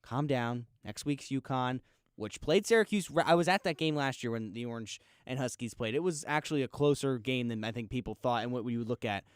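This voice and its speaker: A man hosting a casual sports radio show from a studio, telling listeners to calm down in an easygoing way. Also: mid-range voice, brisk, smooth, dry recording. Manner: laid-back, urging everyone to calm down. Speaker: radio sports talk host. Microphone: studio microphone.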